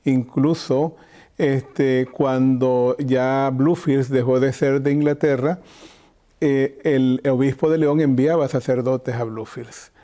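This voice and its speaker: An older man from Chinandega, Nicaragua, is interviewed as a bishop, explaining things in a measured, reflective manner. His average-pitched voice is very mellow and relaxed.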